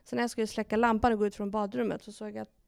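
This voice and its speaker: Gravelly woman telling a personal story. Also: mid-range voice, dry recording, studio quality. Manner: animated retelling with quoted dialogue and many fillers. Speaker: podcast guest.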